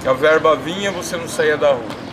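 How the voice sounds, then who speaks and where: A man's voice: fairly high pitch, brisk. A man who once lived in shelters gives a reflective documentary testimony outdoors, posing rhetorical questions. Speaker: interviewee, former shelter resident. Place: outdoors on a city street. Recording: loud street traffic behind.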